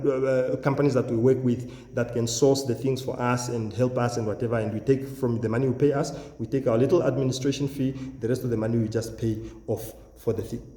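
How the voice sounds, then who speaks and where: Namibian man, mellow voice in echoey room. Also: medium pitch. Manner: boastful, self-assured, repeats phrases for emphasis. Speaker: YouTube channel host, education agent and English test coach. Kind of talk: informal promotional talk to viewers.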